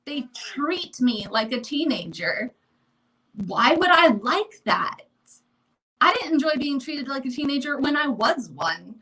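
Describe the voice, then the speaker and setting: A bright, forceful woman in her thirties, chatting candidly on a casual home livestream. She talks fast and animated, sits close to her mirror, and her pitch runs a little high. A faint hiss of noise sits under her voice. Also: rough recording. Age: 30s. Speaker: livestream co-host.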